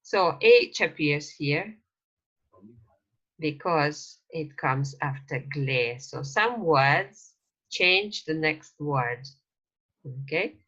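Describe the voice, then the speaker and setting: Low voiced lady teaching a slow beginner language lesson, bright edge, dull lo-fi sound. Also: expressive. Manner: slow, repeats phrases for learners to copy. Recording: dull lo-fi recording.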